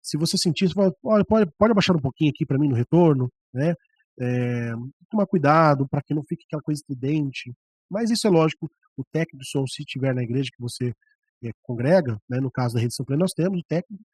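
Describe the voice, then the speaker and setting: A man with a Brazilian Portuguese accent teaches preaching to church leaders, chatty and hands-on, showing each point with his own voice. His voice sits a little high and carries a husky edge. The sound is close and dry, from a stand microphone about ten centimeters away. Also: expressive, quick pace, no echo. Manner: conversational, often demonstrating with voice and mic. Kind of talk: classroom lecture on preaching.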